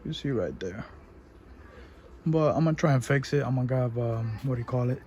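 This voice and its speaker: A man's voice: mid-range voice, expressive, brisk, darkish tone, slight background noise. A man casually narrating a do-it-yourself motorcycle job as a vlogger, rambling and correcting himself as he goes. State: out of breath at times.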